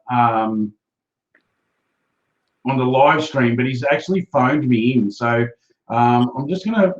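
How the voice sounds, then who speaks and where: A man with an Australian accent hosting a live stream in a casual, chatty style. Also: mid-range voice. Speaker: live-stream show host. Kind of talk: casual chat. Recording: roomy, slightly dull live-stream audio.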